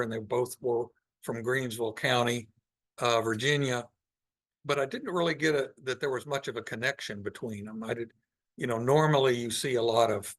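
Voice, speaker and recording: This is an informal slide talk by a man with a medium-pitched, slightly bright voice, delivered live to an audience in a meeting room. He reasons aloud and takes frequent pauses.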